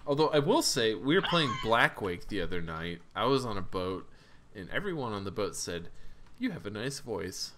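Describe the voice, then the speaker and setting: A man trading laid-back, dry jokes on a gaming stream, his voice moving lively through its range. Clear background noise and clicking sit under his voice. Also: fairly low pitch, moderate pace. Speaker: co-player on stream. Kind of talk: casual gaming stream chat. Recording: noisy mic with clicks.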